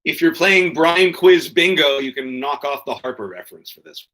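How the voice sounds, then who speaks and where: Bright-voiced man hosting a quiz. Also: on the high side, expressive, moderate pace, low-quality recording. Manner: joking, profane asides. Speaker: quiz host. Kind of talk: hosting an online pub quiz.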